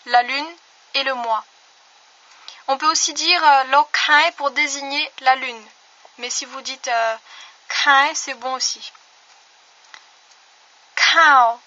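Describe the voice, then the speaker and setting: A woman gives an online language lesson in a high, bright voice. She speaks slowly and carefully, repeating each word to drill it. The recording sounds slightly dull and lo-fi. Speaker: language teacher.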